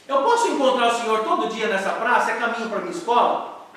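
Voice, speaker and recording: A man's voice: extremely high pitch, animated, quick pace, a bit bright. A man voicing a nervous, eager little boy who asks earnest, pleading questions. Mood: excited. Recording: echoey church hall, mic far off.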